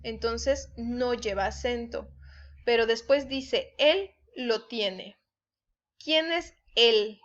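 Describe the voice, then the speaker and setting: A woman explains spelling rules to her students at a very slow, careful pace. Her voice sits a little high, and she keeps checking in with the class as she acts out example sentences. The recording sounds dull and lo-fi. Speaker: teacher.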